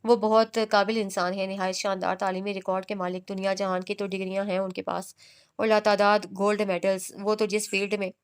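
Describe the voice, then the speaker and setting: Proud, quick-tempered young heroine, read by a woman narrator, clear, steady. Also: medium pitch, lightly acted. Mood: indignant.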